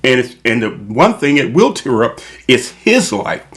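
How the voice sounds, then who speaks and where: A man delivering an opinion monologue as a channel host, emphatic and repetitive, spelling his points out deliberately. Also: mid-range voice, big pitch swings, a bit bright.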